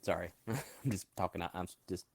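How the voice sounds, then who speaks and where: A man playing a tabletop game, thinking out loud hesitantly. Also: low voice, a little fast, breathy edge, no echo. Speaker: player. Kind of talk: casual tabletop game talk.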